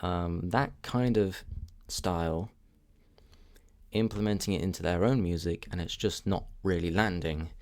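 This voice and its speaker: A man reviewing a song in a casual reaction video, thinking aloud with frequent ums and restarts and giving candid, measured opinions. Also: low voice, a little mellow. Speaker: music reaction channel host. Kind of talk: casual spoken music review.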